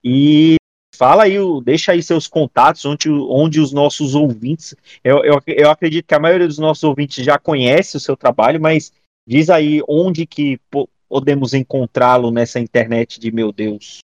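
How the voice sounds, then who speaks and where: A Brazilian man hosting a podcast in casual chat, halting and repeating words as he thinks. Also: on the high side, no room sound. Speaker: podcast host. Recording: dry but slightly dull audio.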